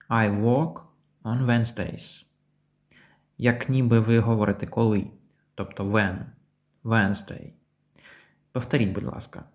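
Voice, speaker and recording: Man teaching pronunciation, slow and careful. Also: mid-range voice, a little mellow. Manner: repeats model words slowly and clearly. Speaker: English teacher. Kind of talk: language lesson.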